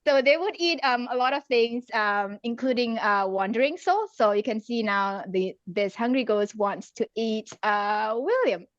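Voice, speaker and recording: A woman from Singapore, an author, chatting casually about her story, hesitant with many pauses and laughs. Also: fairly high pitch, lively intonation, no echo. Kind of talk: casual chat. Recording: dull dry lo-fi sound.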